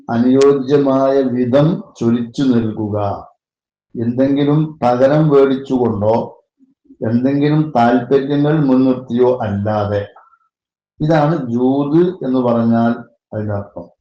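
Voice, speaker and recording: A man with a Malayalam accent, working as a religious teacher, slowly explains the grammar of a classical Arabic poem and parses it word by word. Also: mid-range voice, warm tone, dull audio. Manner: slow, deliberate parsing with Arabic terms. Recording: echoey room with faint noise.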